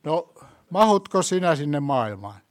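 A man preaching a sermon in a church, asking the congregation questions and rising to loud, emphatic peaks before closing in prayer. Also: a little high, big pitch swings.

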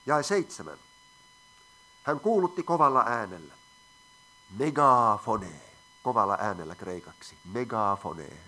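Male preacher, crisp bright tone, teaching sermon with questions to the room. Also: lowish voice, big pitch swings. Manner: asks the audience questions, reads scripture aloud.

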